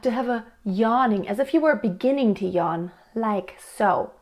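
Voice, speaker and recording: The recording is very noisy as a woman teaches singing to camera, explaining technique and answering a viewer's question in a friendly, patient way. Her fairly high voice has lively intonation and a measured pace, and she sings to demonstrate.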